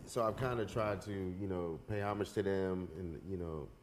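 A man, a hip hop artist being interviewed, talking casually with many fillers and pauses. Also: deep voice, a little hiss or hum. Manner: relaxed, hesitant with many fillers.

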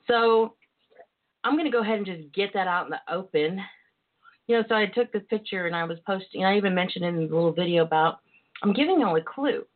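A woman's voice: medium pitch, animated, a little fast. A woman with a Southern US twang hosting a talk show in a casual, sassy, flirtatious way, full of endearments. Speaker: podcast host. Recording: tinny phone-line internet radio sound.

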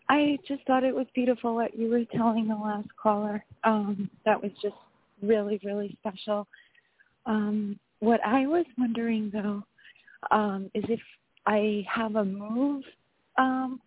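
A woman calling in to a radio show over a phone line, polite and tentative with many pauses. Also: a little high, husky, no room sound. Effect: caller heard over a phone line. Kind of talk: casual call-in question.

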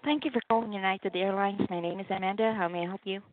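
A woman's voice: mid-range voice, fast. A woman working as a call centre agent, speaking in polite, slightly hesitant customer service phone talk. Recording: noisy narrow phone line with clicks.

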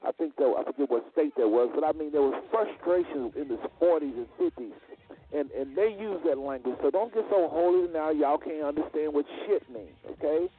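A man's voice: fairly high pitch, normal speed, slightly rough, no echo, phone-quality sound. A man hosting a faith network show, talking in a fervent, emphatic preaching cadence. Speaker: network host. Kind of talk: preaching radio talk.

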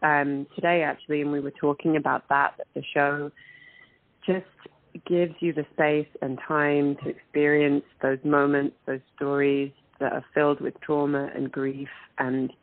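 A woman's voice: sits low, little pitch movement, a little slow, no room sound. A woman, an actress guest talking earnestly and reflectively in an interview. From England. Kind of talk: interview over a call. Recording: tinny phone-like line.

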